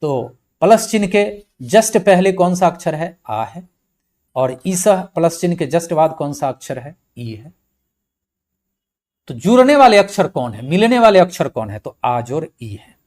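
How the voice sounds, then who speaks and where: A male teacher gives a measured, unhurried grammar lecture and breaks each word down letter by letter. His voice sits somewhat high for a man, and he speaks, repeating points patiently. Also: big pitch swings, a little mellow. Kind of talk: slow blackboard-style lecture.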